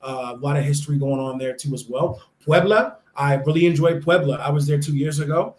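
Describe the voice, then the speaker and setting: A young adult man from the United States chats enthusiastically as a guest in a casual interview, full of fillers and restarts. His voice is a little high and a little mellow, fairly quick, and the room is echoey.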